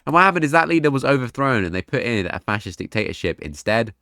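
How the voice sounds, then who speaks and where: A man's voice: medium pitch, sing-song, fast talker, bright, forceful tone, no echo, studio quality. A man, sick and congested, casually narrating a map scenario game in a rambling, offhand way. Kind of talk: casual gaming commentary.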